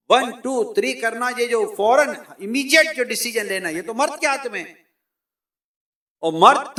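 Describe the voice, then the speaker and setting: A man with a Pakistani Urdu accent preaching a sermon to a large gathering, animated, acting out quarrels in quick bits of dialogue. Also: extremely high pitch. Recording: echoey hall, voice from far off.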